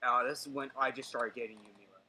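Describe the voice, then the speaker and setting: A man's voice: medium pitch, steady tone, fast, sharp tone, husky, poor audio. A young man telling a ghost story to friends on a stream call, hesitant and dramatic, with many fillers and restarts. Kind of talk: casual storytelling on a livestream call.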